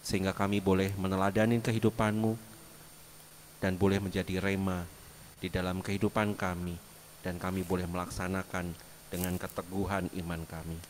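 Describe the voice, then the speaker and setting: Deep-voiced man leading a solemn prayer. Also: flat delivery, slight background noise. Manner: solemn, measured. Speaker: prayer leader. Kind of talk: spoken prayer.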